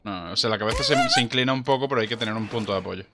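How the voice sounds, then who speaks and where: A man with a Spain Spanish accent, a streamer giving excitable co-op let's play commentary. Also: lowish voice, racing, very noisy. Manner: excitable, yelps and laughs a lot. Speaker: streamer and gaming YouTuber. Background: game music.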